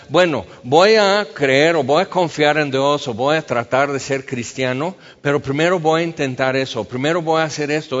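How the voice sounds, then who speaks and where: A man preaching a sermon in a conversational way, acting out the voices he quotes. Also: fairly high pitch. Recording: dull sound with long reverb.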